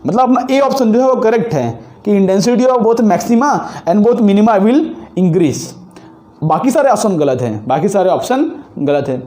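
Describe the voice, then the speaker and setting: A man with a sore throat, his high voice very animated yet dark in tone and measured in pace, teaches physics by solving exam problems on a board. He breaks things down step by step, repeats key points, and mixes Hindi and English.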